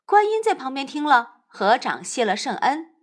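A woman narrating a classic tale in a lively, expressive storybook reading. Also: sits high, normal speed.

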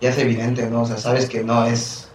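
A man talks in a relaxed group chat, leaning on fillers as he goes. He sits back from the mic, and the room gives his voice a noticeable echo. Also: mid-range voice, moderate pace, recorded from a distance, slight background noise. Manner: talkative, fillers like "o sea" and "pues". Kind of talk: casual chat.

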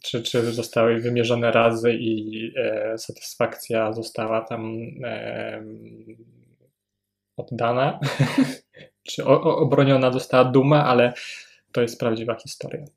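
Male co-host, hesitant literary chat, restarts words, medium pitch. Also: monotone, slow, gravelly. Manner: hesitant, restarts words, reads passages aloud. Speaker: podcast co-host. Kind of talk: casual book discussion.

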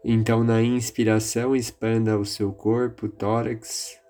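A man with a Brazilian accent leading a guided meditation in a calm, soothing, measured manner. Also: lowish voice. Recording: music behind the voice. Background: music.

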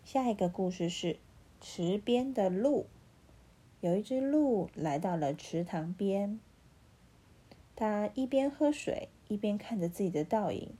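Mellow, husky woman reading bedtime stories. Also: medium pitch, unhurried. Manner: gentle, animated storytelling.

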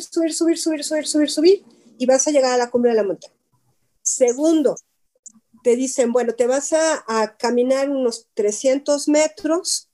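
Speaking informally to a small group at a workshop, a woman with a high voice and dark tone keeps things chatty. She often poses questions to her listeners and repeats words for emphasis.

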